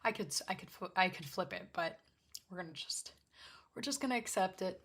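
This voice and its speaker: A woman with a slightly gravelly voice hosts an art demonstration in casual chat, rambling, interrupting herself and apologizing as she goes. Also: on the low side, animated, brisk, a bit bright, slight background noise. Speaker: host of an art livestream swatching watercolors. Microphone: backup microphone.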